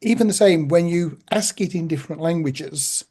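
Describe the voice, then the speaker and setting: Man hosting, higher voice. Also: moderate pace, warm tone, breathy edge. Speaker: podcast host. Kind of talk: casual interview talk.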